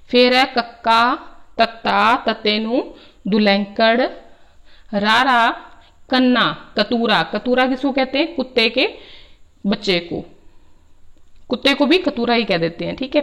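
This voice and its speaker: A woman's voice: on the high side, fairly bright tone. A woman teaching a language lesson, reading word lists aloud letter by letter and explaining what each word means.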